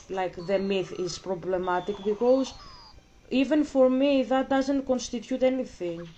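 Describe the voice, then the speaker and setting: A woman's voice: a little high, darkish tone. A woman from Greece, talking casually on her own channel and thinking aloud, with frequent restarts and fillers. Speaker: vlogger. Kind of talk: casual chat.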